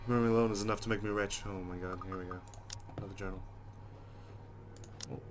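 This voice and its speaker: Over music, a man with a voice on the low side rattles quickly through visual novel narration, dropping in his own casual reactions. He's a let's play host, and steady loud noise sits in the background.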